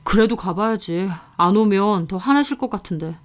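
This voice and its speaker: A woman's voice: mid-range voice, expressive, normal speed, close to an everyday voice. A woman voicing a flustered young husband who gives hesitant, evasive replies. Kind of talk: story narration with acted dialogue.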